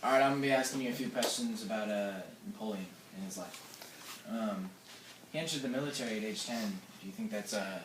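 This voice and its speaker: A man's voice: on the low side, fairly quick, background noise. A man conducting a mock news interview for a school project, hesitant with many fillers, recorded far from the mic in an echoey room.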